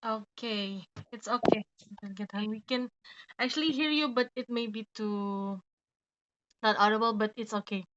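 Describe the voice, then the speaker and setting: A woman's voice: a little high, normal speed, highs cut off, background noise. A woman moderating an online session, speaking politely and briefly and reassuring the speakers.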